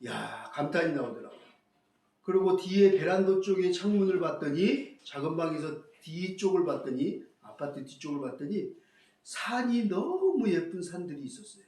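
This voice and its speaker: A man preaching a sermon as pastor, telling a story with lively acted-out quotes. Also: sits high, moderate pace, distant mic. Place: church hall. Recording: echoey hall, voice from afar.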